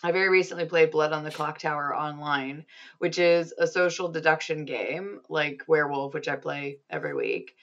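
Low-voiced chatty woman podcast host. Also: lively intonation, moderate pace, a bit bright, lo-fi sound. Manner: chatty, upbeat, frequent ums and laughs. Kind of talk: casual gaming podcast chat.

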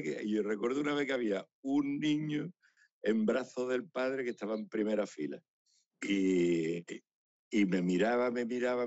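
A man, a romancero performer telling anecdotes in a chatty, animated way and laughing often. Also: medium pitch, creaky, no room sound. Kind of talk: casual interview storytelling. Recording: slightly dull, dry radio recording.

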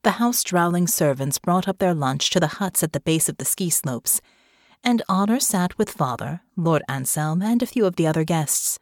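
A woman narrating an audiobook in a measured storytelling manner on a close mic. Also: lowish voice, animated, dry recording. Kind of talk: scripted narration.

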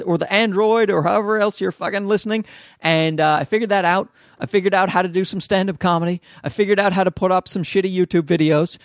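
A man with a Newfoundland accent and a noticeably high voice, recorded close and dry. He hosts a casual solo podcast, rambling along in a self-deprecating, sweary way. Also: dry recording. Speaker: podcast host and amateur comedian.

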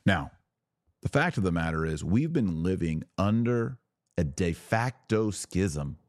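In a clean studio recording with no room sound, a male podcast host preaches a fervent religious monologue, pressing his points with rhetorical questions and repetition. His low voice has a sing-song quality and a measured pace.

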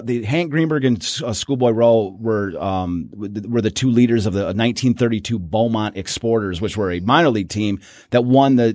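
A man's voice: medium pitch, darkish tone, no room sound, studio quality. A man co-hosting a casual sports history podcast, rambling with many restarts. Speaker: podcast co-host.

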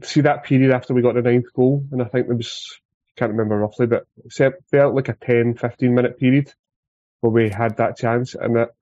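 Male Scottish podcast guest, relaxed dark tone, little pitch movement, casual football talk, dry lo-fi sound. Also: fairly quick, no room sound.

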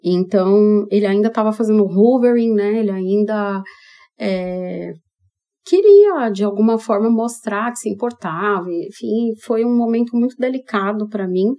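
A woman's voice: medium pitch, a little slow, warm tone. A woman with a Brazilian Portuguese accent hosting a podcast, telling a personal story candidly and expressively, speaking straight to her listeners. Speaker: podcast host.

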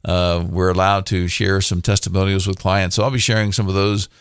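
Male radio money-show host, lowish pitch, dry studio sound, conversational and loosely rambling. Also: flat delivery, fairly quick, smooth, no echo. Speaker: radio host and financial advisor. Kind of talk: casual radio talk.

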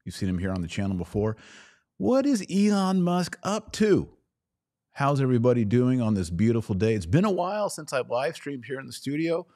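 An American podcast host with a mid-range, mellow, sing-song voice speaks a little fast in a live-streamed show. He offers conversational opinion commentary on the news in short, emphatic phrases. The studio recording is dry and high quality.

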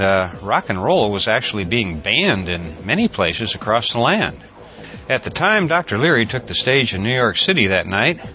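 An older American man giving a conversational, reflective introduction in a measured storytelling way, like a podcast host. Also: on the low side, pushed and bright, highs cut off. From United States.

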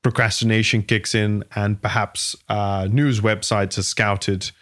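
Academic man co-host, lowish voice, dry sarcastic wit, dead-dry close sound. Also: flat delivery, a little slow, a bit bright, no room sound. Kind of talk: casual academic discussion. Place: home attic office.

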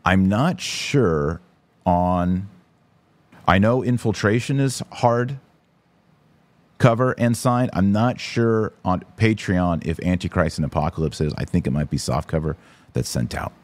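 The speaker, a podcast host and author, chats bluntly and casually with his livestream viewers while reading their comments aloud. He has a low, darkish male voice at a measured pace, captured in a dry recording.

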